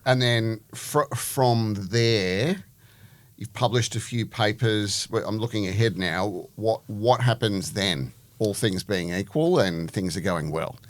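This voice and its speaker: A man hosts a conversational interview. His voice sits a little low. He puts questions to a guest, and the recording is very dry. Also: slow, dry recording.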